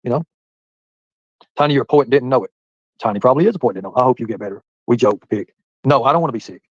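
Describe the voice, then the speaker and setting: Fast-talking man in his forties. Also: mid-range voice, slightly rough, no echo, muffled recording. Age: 40s. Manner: rambling, talks straight to viewers by name. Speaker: livestreamer reading chat. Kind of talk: casual live-stream chat.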